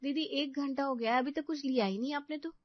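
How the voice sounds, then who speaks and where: A woman voicing a polite, deferential young working wife in an animated story. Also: high voice, fast talker, dry recording, voice pushed up, lightly acted. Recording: dull lo-fi dry recording.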